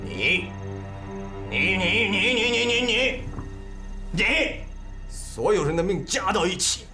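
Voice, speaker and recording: A man's voice: high-pitched, moderate pace, soft background music. An actor playing a melodramatic male steward of a noble house who curses freely and wails theatrically, in a costume comedy TV drama. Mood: angry. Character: shrill, foul-mouthed, melodramatic male steward. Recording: echoey set with loud score.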